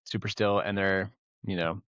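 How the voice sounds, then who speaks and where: Young guy hosting a chatty podcast, lowish voice, dry close mic, laughs a lot. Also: steady tone, normal speed, fairly bright tone, smooth, dry recording, highs cut off. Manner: laughs often, runs the trivia quiz. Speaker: podcast host. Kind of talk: casual chat.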